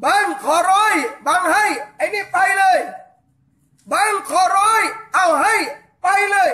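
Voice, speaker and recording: A man, preaching a loud, fervent sermon to a crowd he calls brothers and sisters. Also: extremely high pitch. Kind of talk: shouted Islamic sermon. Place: hall on a small island. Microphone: loudspeaker PA. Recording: echoey loudspeaker sound.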